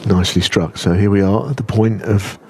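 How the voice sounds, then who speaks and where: A man commentates on snooker in the measured style of a golf commentator. His voice is low and gravelly, and his delivery is understated and analytical. Clear background noise sits behind him.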